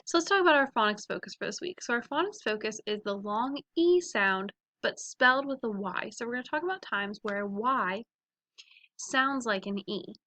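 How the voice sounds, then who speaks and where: A woman teaching a phonics lesson to young children, sounding out letters and words slowly and clearly. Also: a little high, animated, sharp tone.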